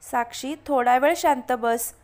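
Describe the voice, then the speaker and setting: A woman's voice: high-pitched, a little slow. A woman voicing a playful, teasing young husband in a spoken story. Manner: gentle, teasing.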